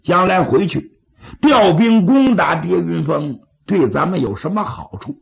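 A man, as a dramatic storyteller, voicing a scheming, vindictive bandit lieutenant, persuasive and gravelly. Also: sits high, sing-song, a little slow, pitched above the performer's own voice, exaggerated voice. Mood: scheming, urging. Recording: slightly dull, lo-fi audio.

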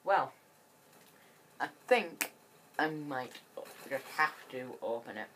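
A woman giving chatty, excitable gameplay commentary that rambles and restarts. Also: very deep voice, takes it slowly, a little hiss or hum. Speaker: gaming channel host.

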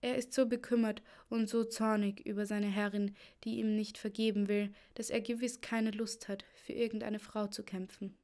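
A woman's voice: mid-range voice, little pitch movement, moderate pace, hardly any pauses, dark tone, lightly acted. A woman voicing a clever, loyal lady's maid who speaks grimly and earnestly. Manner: grim, earnest.

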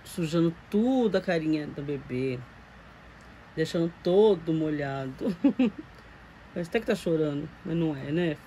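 A reborn doll collector vlogger speaks in a deep, dark, expressive voice, a little slow, on a low-quality recording with some hiss or hum. Talking casually to viewers with a Brazilian Portuguese accent, she dotes on a reborn doll in her home room full of doll shelves.

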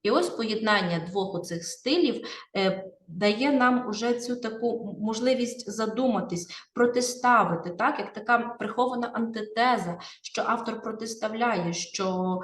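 A woman teacher with a Ukrainian accent walks her pupils through a poem, pausing to check they follow. Her voice sits a little high. It is picked up from a distance in a reverberant classroom. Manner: explanatory, addressing pupils with frequent "так?" checks. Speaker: literature teacher. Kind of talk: classroom poetry analysis lesson. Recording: echoey classroom, from far off.

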